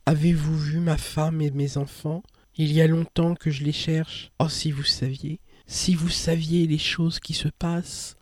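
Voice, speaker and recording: A man voicing a blind, deranged wounded soldier who speaks in a halting, dazed murmur. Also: high-pitched, animated, dark tone.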